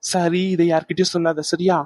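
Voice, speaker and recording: A woman's voice: fairly low pitch, level tone, brisk, a little mellow, no echo, clean studio sound, natural voice. A woman voicing a stern middle-aged husband and father who speaks bluntly, in a cartoon. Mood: calm. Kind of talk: animated cartoon voice acting.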